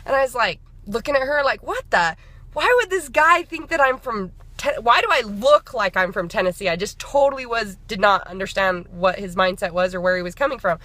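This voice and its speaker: A woman's voice: mid-range voice, brisk, bright, forceful tone, no room sound. A woman in her thirties, a fitness and nutrition coach, chatting in a casual motivational vlog with an upbeat, rambling manner full of fillers and restarts. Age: 30s.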